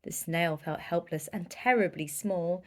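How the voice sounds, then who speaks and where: A woman's voice: on the low side, measured pace. A woman reading a children's picture book aloud with dramatic, emphatic storytelling. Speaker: volunteer story reader.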